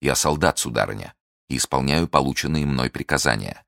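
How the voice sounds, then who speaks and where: A man's voice: a bass voice, animated, brisk, creaky, fairly bright tone, no room sound, clean studio sound, full character voice. A man voicing a torn, devout young officer in an audiobook reading, grave and solemn.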